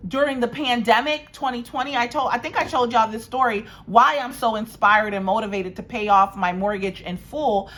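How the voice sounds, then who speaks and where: With a fairly high, fairly bright voice, a Washington, D.C. realtor in her forties offers casual direct-to-camera market talk. She sits in her dining room at home near a windy patio, stressing and repeating her points and addressing viewers as "guys."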